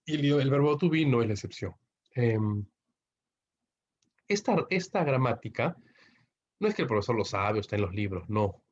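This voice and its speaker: Man in a recorded online lesson, Peruvian Spanish accent, mid-pitched, steady explainer, muffled lo-fi audio. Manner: explains slowly with tag questions. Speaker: English teacher. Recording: dull lo-fi recording.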